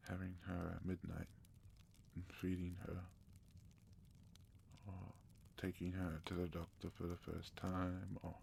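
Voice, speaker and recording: A man from South Africa hosting a soft-spoken ASMR question-and-answer session, gentle and sometimes slipping into a whisper. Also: low voice, completely flat delivery, unhurried, gravelly, long pauses, slight background noise. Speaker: ASMR channel host.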